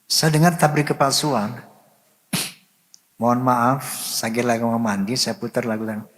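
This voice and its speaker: An older man earnestly telling a personal story, full of pious phrases, sometimes dropping to a soft murmur. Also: medium pitch, fairly even intonation, unhurried. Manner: devout, full of religious phrases. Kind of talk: emotional storytelling. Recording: long hall reverb.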